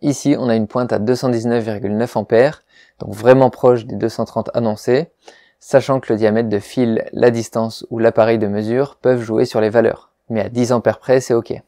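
Male welding host, mellow dark tone, dry close sound, frank methodical review read. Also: medium pitch, fairly even intonation, normal speed, dry recording. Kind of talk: product review narration.

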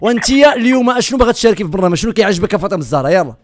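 A man with a Moroccan accent hosting a call-in radio show, joking and teasing a caller and often repeating words in quick bursts. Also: high voice, lively intonation, no echo, studio quality. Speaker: radio host. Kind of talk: lively call-in radio chat. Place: radio studio.

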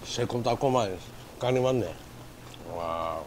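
A man's voice: medium pitch, slight background noise. Man talking with his mouth full. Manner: savoring food with drawn-out murmurs. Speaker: fishing vlogger. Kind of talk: casual eating vlog.

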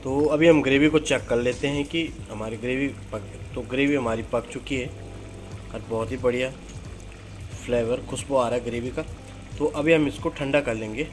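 A man's voice: mid-range voice, normal speed. Male chef, plain step-by-step cooking narration, kitchen, with music playing underneath.

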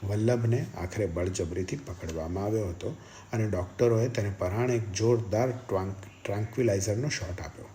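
A man with a lowish voice narrates an audiobook in a steady, measured way. A faint hiss runs quietly under his reading.

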